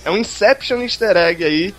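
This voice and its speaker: A man's voice: high voice, normal speed, a loud crowd. A man co-hosting a podcast in casual, teasing banter, repeating phrases for emphasis. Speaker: podcast co-host.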